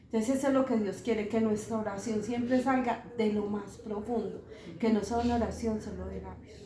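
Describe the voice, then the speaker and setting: A woman explaining scripture in an earnest, preachy manner, slowing down to stress key points. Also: medium pitch, steady tone, reverberant, crowd noise. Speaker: bible study participant.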